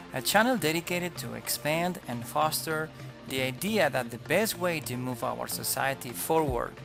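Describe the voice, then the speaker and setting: A man's voice: medium pitch, creaky. Polite man hosting a video interview. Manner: polite, slightly hesitant. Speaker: host. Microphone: video call.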